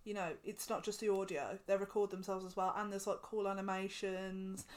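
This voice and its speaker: A woman's voice: mid-range voice, fairly even intonation, brisk. Chatty woman podcast co-host. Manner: chatty, acts out quotes in funny voices. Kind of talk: casual chat.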